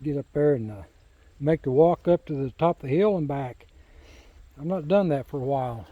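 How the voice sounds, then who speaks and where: A man's voice: a little high, animated, normal speed, dry recording, phone-quality sound. An older man chatting in a rambling, folksy way while walking a rural hillside, then reading scripture aloud, recorded on a handheld phone. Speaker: lay Bible teacher.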